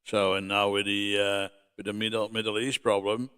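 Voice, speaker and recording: Low, smooth-voiced radio amateur man. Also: little pitch movement, sharp tone. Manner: halting, friendly, many fillers. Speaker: ham radio operator and livestreamer. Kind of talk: ham radio contact.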